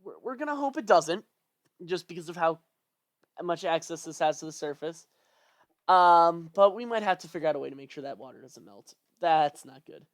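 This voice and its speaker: A person giving casual let's-play commentary, rambling and thinking out loud in a fretful, chatty way. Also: medium pitch, lively intonation, moderate pace. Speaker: gameplay commentator.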